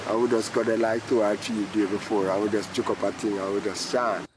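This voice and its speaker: Low Jamaican man in Rasta speech. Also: little pitch movement, fairly quick, background noise. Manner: Rasta speech with patois turns of phrase. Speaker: Rastafari elder interviewee. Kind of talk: reflective documentary interview talk.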